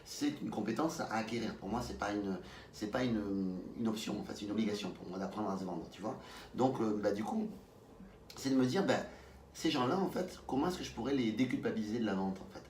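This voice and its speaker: Fast-talking, lisping man in a roomy interview. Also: lowish voice, darkish tone. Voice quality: lisp, slurred s. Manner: hesitant, stumbling, restarts words often. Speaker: interview guest, sales coach. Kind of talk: conversational interview. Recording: roomy echo, distant mic, faint noise.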